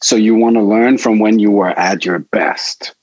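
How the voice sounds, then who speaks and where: A man's voice: fairly low pitch, steady tone, unhurried, a little mellow, husky, no room sound. A man co-hosting a casual podcast, emphatic and incredulous. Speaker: podcast co-host. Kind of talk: casual chat. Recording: slightly dull dry mic.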